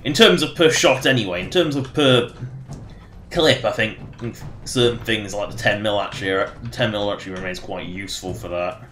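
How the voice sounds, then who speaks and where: A man's voice: on the low side, normal speed, fairly bright tone, slight background noise. A man livestreaming a game with casual, rambling commentary. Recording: roomy echo, faint game music behind.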